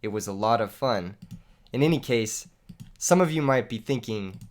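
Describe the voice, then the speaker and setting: Recovering from an illness that has left him voiceless, a young gaming YouTuber narrates his card game match live, casually poking fun at himself and laughing between plays. His pitch is middling, his delivery expressive and at normal speed.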